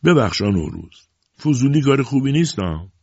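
A man's voice: medium pitch, sing-song, a little mellow, husky, dry recording, voice pushed up. A man voicing an evasive old village man who answers slyly and grudgingly. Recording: dull lo-fi recording.

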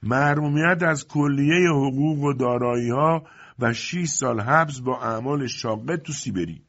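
An old farmhand shouting news across a yard, loud and slow a man acts him out. His voice is raised above the reader's own and the audiobook recording is dull and lo-fi. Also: mid-range voice, very animated, slightly rough, voice pushed up. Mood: announcing. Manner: loud, announcing. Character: old farmhand calling out loudly.

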